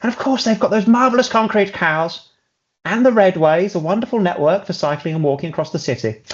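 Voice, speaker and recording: A man voicing a theatrical evil male villain professor in a high, loud, exclaiming voice. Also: brisk, dull audio, lightly acted. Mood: grandly exclaiming.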